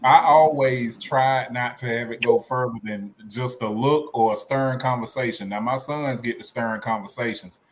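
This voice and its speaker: A man's voice: mid-range voice, moderate pace, few pauses, slight background noise. A man hosting a casual podcast chat, easygoing, with self-mocking humor. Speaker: podcast host.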